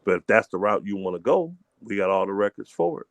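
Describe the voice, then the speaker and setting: Speaking fast and expressively in a lowish voice, this middle-aged man from Fort Wayne, Indiana, a community elder who leads homeschoolers, explains things preacherly and emphatically on a casual call-in chat. He keeps asking "you know what I mean." The recording is close and dry with no echo.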